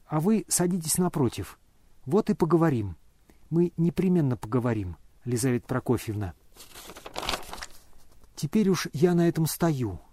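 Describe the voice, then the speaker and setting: A man voicing a calm, weary dying young man who speaks hoarsely and quietly, almost in a whisper. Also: on the high side. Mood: gentle. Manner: calm, polite, measured.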